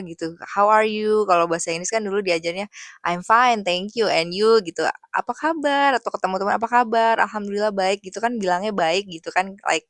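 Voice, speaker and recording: A young adult woman, an English teacher, sharing thoughts in a casual, reflective monologue, soft-spoken and hesitant with many fillers. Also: medium pitch, no room sound.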